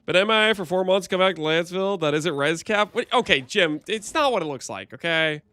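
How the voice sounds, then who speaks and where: Male streamer on a dry headset mic, smooth-toned, animated, joking with chat while he plays. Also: high voice, brisk, dry recording. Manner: chatty, joking, thinks aloud to chat. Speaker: livestreamer. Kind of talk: casual gameplay commentary.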